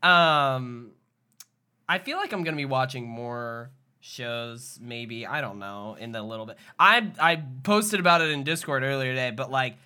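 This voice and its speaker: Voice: medium pitch, lively intonation, measured pace, pushed and bright, clear, resonant tone. A podcast host in casual chat who swears freely and laughs through the lines. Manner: mimics people in quoted voices.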